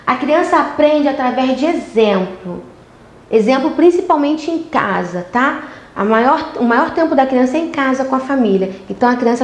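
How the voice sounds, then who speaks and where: A woman gives an online lesson in an emphatic, repetitive way, often checking in with "ok?". Her voice sits a bit high, and the recording has a roomy echo. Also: a little mellow. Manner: emphatic, repeats "ok?" and acts out parent talk. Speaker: teacher. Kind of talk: online class lecture.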